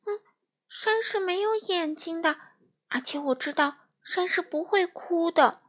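A woman voicing a small silver fish, a brave and eager little male creature who talks in a high, excited voice. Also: unhurried. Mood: puzzled.

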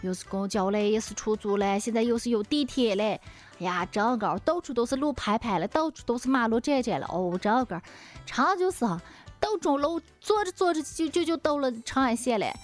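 A woman's voice: on the high side, lively intonation, brisk, soft background music. A woman telling a comic story in a chatty way, full of exclamations and dialect words.

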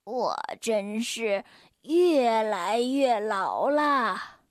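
Storybook grandpa, old and tired, a woman putting him on, unhurried, melodic pitch swings. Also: very animated, dry recording, studio quality. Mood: sorrowful. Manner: slow, sighing, sorrowful delivery. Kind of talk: storybook reading.

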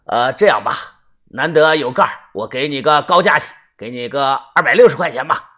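A man's voice: medium pitch, a little fast, bright, forceful tone. A man voicing a pushy, chain-smoking junk dealer in his thirties, haggling dismissively in a storybook reading.

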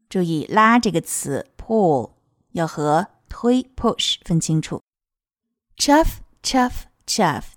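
A woman teaching English pronunciation of a children's song, modeling each sound slowly and clearly. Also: on the low side, dry recording, clean studio sound. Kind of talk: explaining song lyrics and pronunciation.

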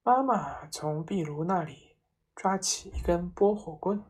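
A woman narrating a children's story in a slow, expressive reading voice. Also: fairly low pitch, husky.

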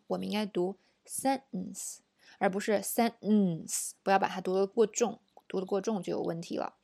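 A woman teaching English pronunciation in an audio lesson, explaining slowly and saying each example word several times. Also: medium pitch, creaky, a little mellow, no echo, studio quality.

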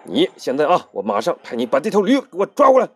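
A performer voicing a battered, blustering older male martial arts master who talks slowly and groans in self-pity. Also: medium pitch, huge pitch swings, a little mellow, husky, heavily acted. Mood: commanding. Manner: slow, groaning, self-pitying boasts.

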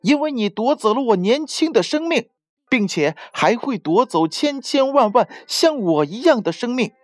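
A woman plays a defiant young girl-turned-bird in a storybook, high and fierce, her words rising with stubborn resolve. The voice is lively in pitch and recorded dry and close. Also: normal speed, no echo. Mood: angry. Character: young girl's spirit as a defiant small bird.

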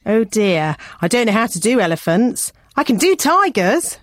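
A brisk, chirpy cartoon rabbit lady who is always busy. Her voice is fairly high and bounces lively up and down. She talks quickly and cheerfully. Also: dry recording.

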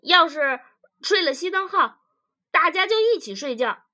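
A stubborn, blunt husband who blusters loudly in folksy phrases, as a woman reader puts him on. The voice sits high and bright and swings up and down with animated force, keeping a storybook feel throughout. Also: measured pace, heavily acted. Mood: blustering. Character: stubborn blunt working-class husband, defensive.

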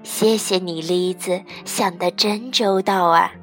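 A woman voicing a gentle mother bear in a storybook reading, speaking softly, calmly and patiently. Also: medium pitch, measured pace, faint music behind. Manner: calm, soft and patient.

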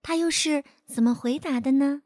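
A woman telling a storybook tale to small children in a gentle, coaxing way. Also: high voice, normal speed, no room sound, clean studio sound.

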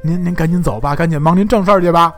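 A man's voice: on the high side, fast, fairly bright tone, soft background music, lightly acted. A man voicing two nervous army officers who stammer and fawn. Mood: flustered. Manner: flustered, stammering, fawning.

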